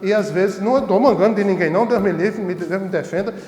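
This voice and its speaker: A priest from the Northeast, with a notably high voice for a man, tells amusing stories from his parish life in a relaxed, chatty way. He laughs easily. The voice rings out in a roomy space with long reverb, and soft music plays underneath. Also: quick pace. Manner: laughs easily while telling funny stories. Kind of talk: casual storytelling. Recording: echoey room with long reverb.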